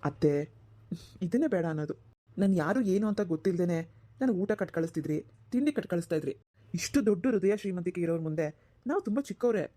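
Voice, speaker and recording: A woman's voice: lowish voice, expressive, fast, long pauses, dark tone. A woman doing a kind young husband. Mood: reassuring. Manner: earnest, reassuring. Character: kind young husband, respectful son-in-law.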